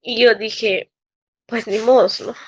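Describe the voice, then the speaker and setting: Her voice is a little high, steady and husky, captured in a muffled recording. In an interview, this Mexican woman gives emotional testimony about a painful time at work, voicing other people's words in a Mexican Spanish accent and frequently stopping to begin sentences again.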